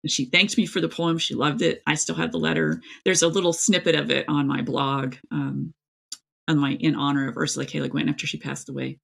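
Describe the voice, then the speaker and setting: With a deep, fairly bright voice full of vocal fry and lively intonation, a middle-aged woman from East Tennessee, United States, talks briskly. She's an author being interviewed in a casual, chatty setting, speaking emphatically and rambling as she tells things.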